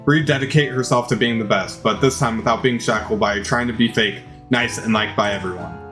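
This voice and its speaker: Playing a video game, a man dramatically reads its story aloud in a lowish, fairly bright voice, talking a little fast. His theatrical delivery trips up now and then, and game music runs in the background.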